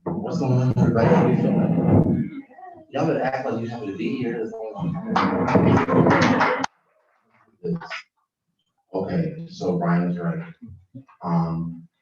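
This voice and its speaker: A man from Jamaica performs spoken word poetry in an echoey room, heard from a distance. He is energetic, chatting between pieces and calling out to the crowd for replies. The sound is dull and muffled. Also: on the low side, takes it slowly, long pauses, very noisy. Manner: energetic, calls out to the audience for replies. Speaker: performing poet. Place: live poetry event venue.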